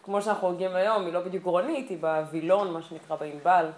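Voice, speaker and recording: A woman's voice: lowish voice, steady tone, a crowd in the background. A woman teacher giving a classroom grammar lesson, explaining patiently step by step. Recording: echoey classroom from far off.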